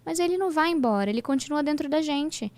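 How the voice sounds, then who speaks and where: A woman's voice: high voice, quick pace. A woman and mother, a podcast guest, chatting casually and telling stories in which she acts out the dialogue. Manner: animated storytelling, acting out quoted dialogue. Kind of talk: casual chat.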